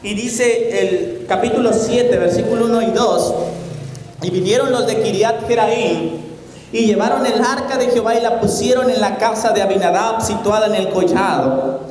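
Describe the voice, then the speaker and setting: A man preaching at a youth congress, telling his story with dramatic flair and putting on voices as he goes. His voice sits high but sounds mellow and dark in tone. The sound bounces around a large hall with a long, ringing reverb. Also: moderate pace, recorded from a distance, slight background noise. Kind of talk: sermon.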